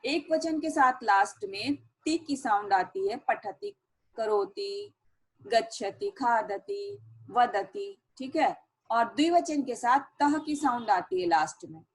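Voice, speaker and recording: A woman teacher explaining a language lesson, reading each sentence and then repeating its meaning slowly and clearly. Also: a little high, lively intonation, rough recording. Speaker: Sanskrit teacher.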